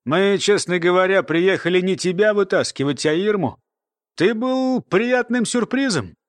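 A man voicing a calm, cunning colonel who talks slowly and matter-of-factly. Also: high-pitched, dry recording, clean studio sound. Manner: unhurried, matter-of-fact.

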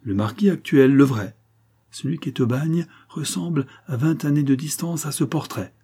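A man reading a novel aloud, voicing a proud and commanding noblewoman with a forceful, insistent delivery. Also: on the high side, normal speed, husky, voice pushed up.

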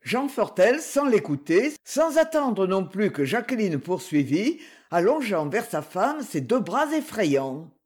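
A reader narrating a literary story as an audiobook, slow and expressive. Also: mid-range voice.

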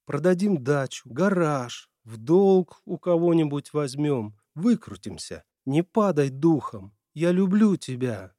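A fierce middle-aged mother from a storybook, her voice pitched up and shrill as she scolds. A man puts her on with a dry, close sound and a warm base tone. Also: sing-song, slow pace, few pauses, no room sound. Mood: firm.

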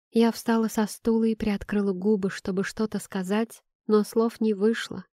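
Woman reading an audiobook, warm mellow tone, dry close sound. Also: medium pitch, dry recording. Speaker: audiobook narrator. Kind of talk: first-person audiobook narration.

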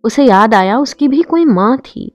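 A woman narrating a novel in a steady, emotive storytelling voice. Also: fairly high pitch, no echo, highs cut off, faint music behind. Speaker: audiobook narrator.

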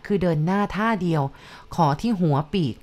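Calm woman reading a story aloud. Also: lowish voice, normal speed. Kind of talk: scripted story narration.

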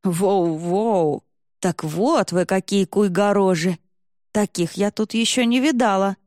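A woman's voice: mid-range voice, slow, dry recording, clean studio sound, close to an everyday voice. A woman voicing a bold, cheeky young woman archer who talks brashly and jokes a lot. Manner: brash, excited, joking.

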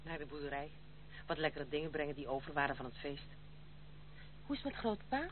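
In an old Dutch radio drama, an actress portrays a proud, stern young woman, delivering her lines formally and resolutely with an uneasy mood. Her voice is low, fairly quick and full of big pitch swings, and the recording itself sounds tinny and noisy.

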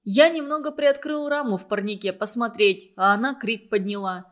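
A woman reading a children's story aloud, voicing a calm, level-headed boy who leads his group. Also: medium pitch, normal speed, natural voice. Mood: explaining. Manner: calm, reasoning.

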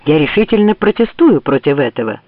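A man's voice: a little high, very animated, brisk, dry recording. A man voicing a determined general who protests sharply. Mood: insistent. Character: firm, determined male general. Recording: tinny phone-like dry audio.

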